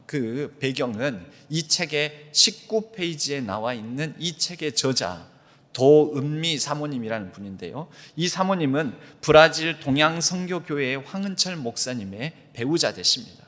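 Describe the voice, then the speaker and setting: A man's voice: medium pitch, sharp tone. A man preaching a sermon as the church's pastor, reading passages from a book aloud with feeling. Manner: reads aloud from a book with emotional emphasis. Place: church sanctuary. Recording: long hall reverb.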